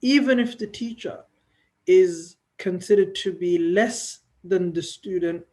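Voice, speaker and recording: A man with a high but mellow voice teaches a religious class. He reads classical Arabic passages at speed, then slows down to explain them in English, stopping often with fillers. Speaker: Islamic teacher. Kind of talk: religious lesson, reading and explaining a text. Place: Islamic centre.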